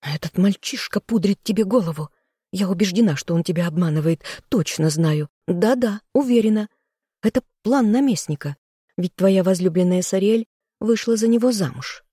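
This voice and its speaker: An audiobook reader voicing a furious, spiteful noblewoman, the king's sister, who scolds in sharp outbursts. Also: breathy edge, dry recording, clean studio sound, natural voice. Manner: shrill, scolding, quick outbursts. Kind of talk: audiobook role reading.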